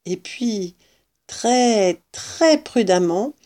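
A woman reading a children's storybook aloud as narrator, slowly and expressively. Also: medium pitch, lively intonation, mellow.

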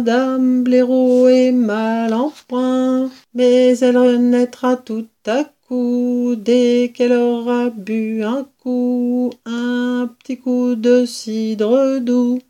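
A woman's voice: on the high side, slow, a little mellow. A woman reading a storybook, voicing a hearty male badger who sings and raises a toast. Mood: singing.

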